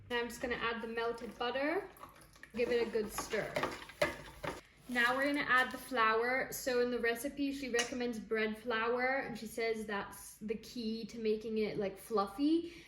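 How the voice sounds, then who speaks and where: A woman's voice: a little high, noisy background. Chatty young woman in an echoey kitchen. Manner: chatty, relaxed, explaining as she goes. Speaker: home baking vlogger. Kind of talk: casual step-by-step cooking chat. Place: home kitchen.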